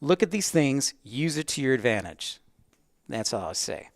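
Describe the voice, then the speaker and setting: A medium-pitched man with big pitch swings and a normal speaking speed hosts a livestream on plane-spotting tools, informally explaining them step by step and chatting with viewers. There is no echo on the recording.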